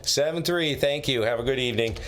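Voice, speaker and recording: A man with a mid-range voice speaks a little fast as he works an amateur radio contest, politely reading off call signs in phonetic letters along with procedural phrases. He's an amateur radio operator who also hosts a live stream, and radio static hisses in the background.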